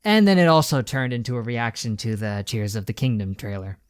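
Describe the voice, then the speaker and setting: A man's voice: medium pitch, very animated, brisk, smooth, no echo, studio quality. A man streaming a casual, ranting reaction commentary, with an emphatic, slangy way of talking. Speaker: streamer reacting to a game showcase.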